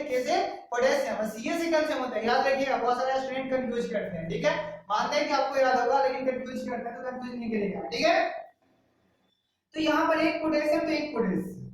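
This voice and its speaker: A woman's voice: high voice, a little hiss or hum. A woman with a Bihari Hindi accent teaching a chemistry class, repeatedly checking with her students. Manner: repetitive, checks with students often. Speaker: chemistry tutor. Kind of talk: classroom lecture. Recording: very echoey classroom, voice from far off, faint music.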